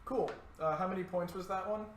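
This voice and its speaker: A man's voice: high-pitched, brisk, slight background noise. A young man playing a tabletop game, easygoing, laying out his plans with lots of fillers. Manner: easygoing, explains plans, many "like"s. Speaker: player. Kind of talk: casual tabletop game chat. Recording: echoey room.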